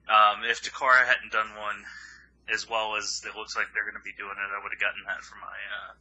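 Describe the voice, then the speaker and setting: A man's voice: lowish voice, completely flat delivery, fairly quick, pushed and bright, dull audio. A man co-hosting a casual podcast chat who rambles, swears freely and trails off mid-sentence. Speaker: podcast co-host.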